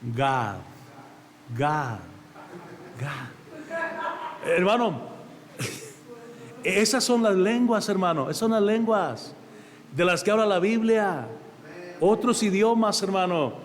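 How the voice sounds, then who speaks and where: A man's voice: high voice, unhurried, long pauses, big-room sound, slight background noise. A man with a Mexican accent, a pastor preaching a sermon in a conversational way and often calling the congregation "brother". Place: church.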